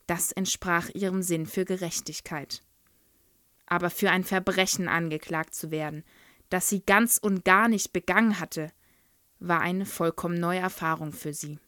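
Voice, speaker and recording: A woman's voice: lowish voice, fairly even intonation, moderate pace, a bit bright, dry recording. Dry close female book presenter. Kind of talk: book presentation with read-aloud excerpt.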